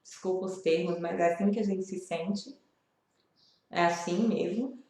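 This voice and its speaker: A woman's voice: fairly low pitch, fairly even intonation, unhurried, darkish tone, very echoey. A woman with a Brazilian accent, talking earnestly and confidingly to the viewer in a personal vlog. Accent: Brazilian Portuguese. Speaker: video host sharing grief advice. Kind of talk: personal vlog talk to camera.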